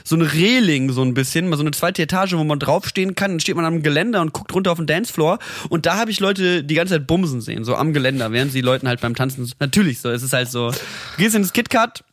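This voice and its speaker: A podcast co-host with a notably high voice tells loose, animated stories and laughs often. The sound is dry and close, with no room around him. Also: male voice, fast, no echo. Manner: animated, rambling storytelling with frequent laughs. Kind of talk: casual chat.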